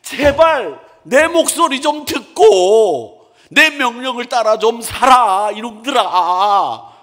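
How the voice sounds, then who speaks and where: An exasperated, pleading God, as a male preacher puts him on, his voice pitched up, loud and drawn out as he begs his stubborn people to listen. The sermon rings with the long echo of a church hall. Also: animated, takes it slowly, full character voice.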